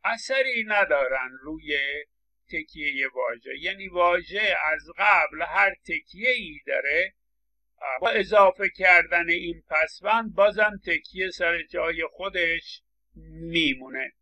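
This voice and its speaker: Gravelly, bright male phonetics lecturer. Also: high voice, animated, low-quality recording. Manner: explains patiently, stresses words and repeats examples. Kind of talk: recorded lecture.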